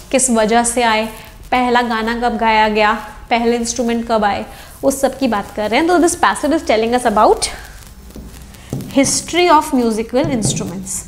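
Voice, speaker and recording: High-voiced Indian woman teaching a class. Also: reverberant. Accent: Indian English. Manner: explains in Hindi mixed with English, asks the class questions. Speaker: English teacher. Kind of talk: online exam-prep lesson.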